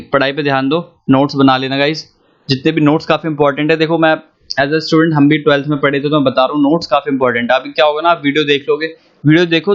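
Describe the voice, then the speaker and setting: A young male teacher with a slightly high voice gives a casual, chatty economics lesson, mixing in phrases and repeatedly checking whether his students follow. The audio is dull and lo-fi.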